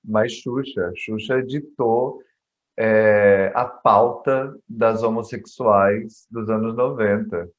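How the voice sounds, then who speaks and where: A male guest, a theater teacher and actor, chatting in a casual interview with a lively, expressive delivery. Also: lowish voice, takes it slowly. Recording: dull lo-fi audio.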